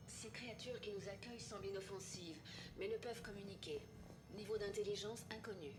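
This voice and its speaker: A woman playing a solemn, reverent alien explorer recording an expedition log in a video game, in measured phrases. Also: medium pitch, natural voice. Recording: loud music under voice.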